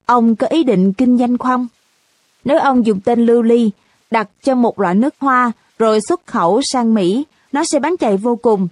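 A woman's voice: fairly high pitch, moderate pace, a little mellow, dry recording, studio quality, close to an everyday voice. A woman reading the part of a reporter who asks formal, polite questions in a storybook reading. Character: persistent press reporter.

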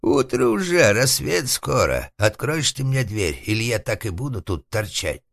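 Audiobook figure: a man playing a rough, foul-mouthed old organ grinder, raised and hard, in a dry close recording. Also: sits low, animated, moderate pace, a bit bright, dry recording. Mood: menacing. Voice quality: rough, threatening, coarse-spoken. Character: old male organ grinder, crude and vengeful.

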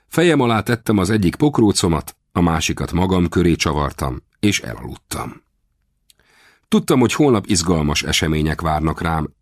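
Deep, lively male audiobook narrator. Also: no echo, clean studio sound. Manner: expressive, raises pitch for shouted dialogue. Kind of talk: first-person adventure audiobook narration.

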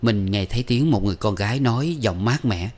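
A man's voice: lowish voice, a little fast, a little mellow. Man reading a novel aloud. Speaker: audiobook narrator.

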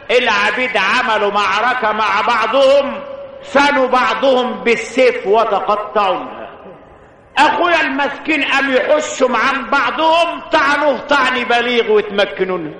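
A man doing a smooth-talking young poet-warrior. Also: very high voice, pushed and bright, exaggerated voice. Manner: rhymed, evasive storytelling. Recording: roomy hall, voice from far off.

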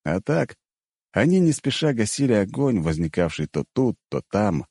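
A man narrating a first-person audiobook in a steady, even reading. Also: on the low side, normal speed, husky, no room sound, clean studio sound.

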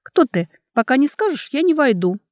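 A woman's voice: sits high, very animated, moderate pace, a little mellow, no echo, clean studio sound, pitched above the performer's own voice. A woman voicing a frightened young girl with a raised, trembling voice in an audiobook.

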